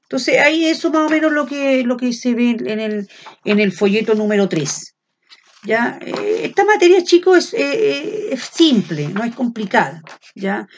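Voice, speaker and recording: A woman's voice: on the high side, sing-song, moderate pace, slight background noise. Chilean woman teacher, lo-fi lecture. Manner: frequent checks of "¿ya?" and fillers; speaks loud without shouting. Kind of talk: classroom lecture.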